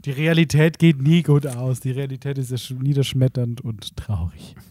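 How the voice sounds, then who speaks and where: A man with a mellow, warm tone chats casually on a podcast. He thinks aloud and hesitates before he commits. The sound is dry and close. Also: mid-range voice, moderate pace, dry recording. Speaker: podcast guest. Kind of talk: casual chat.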